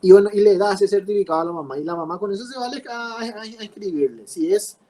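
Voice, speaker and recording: A man's voice: high-pitched, fast talker, warm tone, rough recording. A man teaching a class, explaining with repeated rhetorical questions. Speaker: law teacher. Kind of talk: class lecture.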